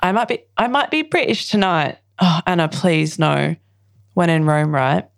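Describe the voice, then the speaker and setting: A woman with a low voice and a gravelly edge. She is a poet guest on a podcast who chats easily, laughs often and reads her own poems aloud. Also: moderate pace, dry recording, studio quality. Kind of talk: casual chat and poetry reading.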